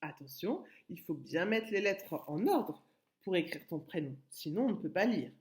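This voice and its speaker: A woman teacher speaking to young children, spelling out letters slowly and clearly with lively rises in her voice. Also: on the low side. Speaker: preschool teacher.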